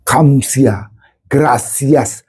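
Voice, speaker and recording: A pastor preaches a dramatic sermon, firing off repeated rhetorical questions and swinging between low Bible reading and high exclamations. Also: drawn-out words, warm tone, husky.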